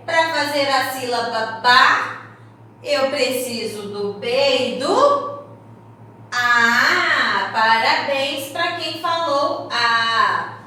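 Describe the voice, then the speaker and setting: A Brazilian woman teaching a slow, sing-song, encouraging phonics lesson to young children. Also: high-pitched, pushed and bright, a little hiss or hum. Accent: Brazilian Portuguese. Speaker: kindergarten teacher. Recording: very echoey room, slightly distant mic.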